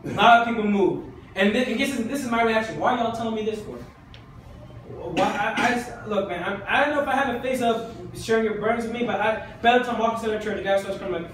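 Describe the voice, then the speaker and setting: A man with a high voice preaches a sermon, driving his points home by repeating them again and again. He sounds distant from the microphone in a very echoey church hall, with faint background noise. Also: quick pace, a bit bright. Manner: impassioned, repetitive exhortation.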